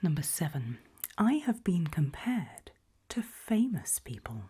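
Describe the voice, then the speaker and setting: Here a woman voices a calm HR interviewer at an evil organisation, sinister beneath the politeness, in ASMR style. Breathy whispers and low, soft murmurs carry large swings in pitch. She speaks deliberately, measuring each phrase and pausing often.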